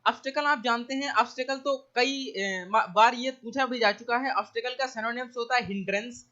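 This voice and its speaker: A man with a Hindi accent teaches English vocabulary in an online exam-prep lecture. His voice is bright and forceful, and he keeps checking that his listeners are following. The recording sounds dull and lo-fi. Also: very high voice. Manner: explains each word slowly with repeated checks like "theek hai".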